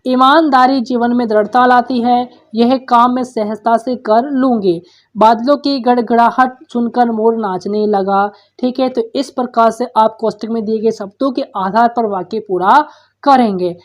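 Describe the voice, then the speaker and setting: A woman's voice: a little high, steady tone, a little slow. A woman teacher, patiently working through workbook answers, asking questions and repeating the answers for young pupils. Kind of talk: workbook solution lesson.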